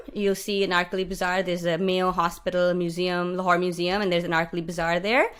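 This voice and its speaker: A woman's voice: medium pitch, a bit bright, smooth. Young woman giving a friendly talk with slides. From Pakistan. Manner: friendly, explanatory, many "uh" and "um" fillers. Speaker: guest speaker. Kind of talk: presentation narrated over slides. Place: small indoor room at home. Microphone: studio mic on stand with pop filter.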